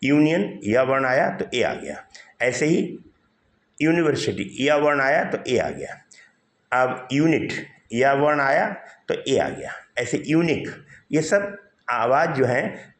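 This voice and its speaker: In a slow, sing-song, mid-pitched voice that moves up and down a great deal, a male English teacher teaches grammar in Hindi. He works through points step by step, posing questions to the class and answering them himself, with a roomy echo in the recording.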